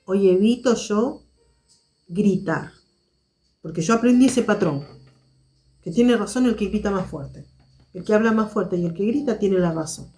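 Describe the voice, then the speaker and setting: A woman hosting a live stream, speaking to her viewers in a measured, reflective way and repeating her key points. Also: mid-range voice, mellow, soft background music.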